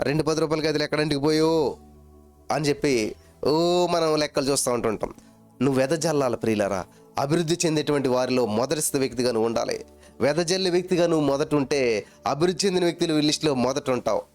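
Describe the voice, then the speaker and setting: A male pastor with a Telugu accent preaches a sermon, chanting repeated phrases and swinging between loud and low delivery.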